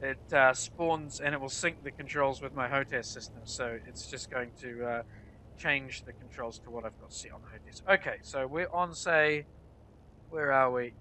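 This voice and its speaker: Congested, nasal man with a bright voice. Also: medium pitch, moderate pace, slight background noise, rough recording. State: blocked nose from a cold. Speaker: flight sim player narrating a tutorial. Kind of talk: casual explanatory gameplay commentary.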